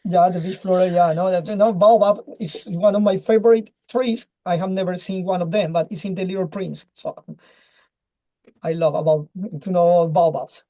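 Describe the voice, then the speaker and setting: Casting note: a man with a mellow voice, halting and restarting on a video call. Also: high voice, steady tone. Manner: halting, searches for words, many restarts. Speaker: webinar speaker. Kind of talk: casual presentation and chat.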